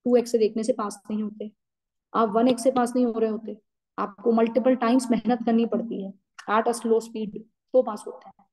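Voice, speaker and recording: A woman's voice: on the high side, fairly even intonation, normal speed, darkish tone, poor audio. Firm woman teacher scolding students. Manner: firm, scolding, direct, mixes in English. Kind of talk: motivational talk to students.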